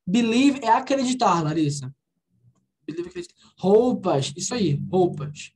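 A Brazilian woman teaching an online English class, patiently repeating words slowly to model their pronunciation. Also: a little high, sing-song, vocal fry, a little mellow, husky. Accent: Brazilian Portuguese. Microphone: computer mic on a video call.

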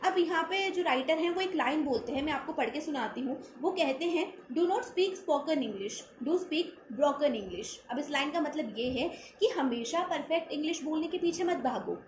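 A woman teacher talks through a literary essay in a high voice, conversational and full of rhetorical questions. Her voice rings in an echoey room, with faint background noise. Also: brisk, few pauses. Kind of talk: explaining a text in a lesson.

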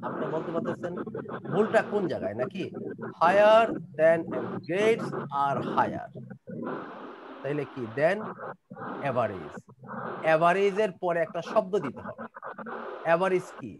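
A man with a Bangladeshi accent teaching English grammar in an online class, reading test sentences slowly and then explaining them in rapid bursts. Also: on the high side, sing-song, background noise.

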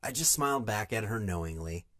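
A man's voice: lowish voice, expressive, fairly quick, bright, forceful tone, no echo, clean studio sound. A man reading a scripted first-person story in a confessional tone.

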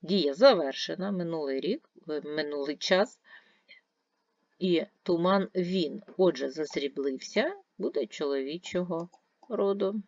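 A woman's voice: lowish voice, a little slow, a little mellow, no room sound, muffled recording. A woman teacher giving a video grammar lesson, patiently asking and answering her own questions step by step. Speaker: primary school teacher.

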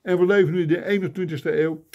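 A man's voice: high voice, fairly even intonation, fast, darkish tone, lo-fi sound. An older man filming himself on a phone, delivering a mock-indignant comic rant full of grumbling complaints. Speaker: vlogger. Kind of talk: ranting comic monologue. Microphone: phone camera.

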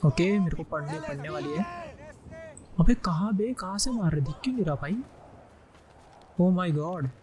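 A man giving live gameplay commentary, excitedly shouting quick callouts. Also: on the high side. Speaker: gaming YouTuber.

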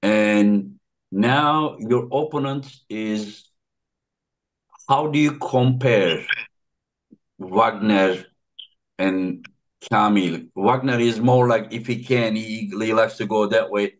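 A man with a fairly low voice hosts a relaxed video-call interview. He is chatty and keeps dropping quick repeated affirmations as his guests talk. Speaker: podcast host.

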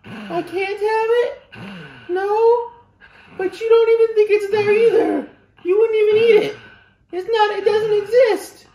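A young man putting on the high, strained, tearful whine of an overgrown child pleading with his pet. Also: fairly even intonation, measured pace, long pauses, dark tone. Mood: whiny pleading. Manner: whining, pleading. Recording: roomy kitchen sound with music behind.

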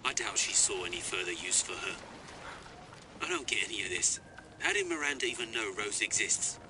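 An actor voicing a soldier in a video game, clipped and soldierly. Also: male voice, lowish voice, a little fast, natural voice. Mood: steady. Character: steady soldier reporting by radio. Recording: game audio with background noise.

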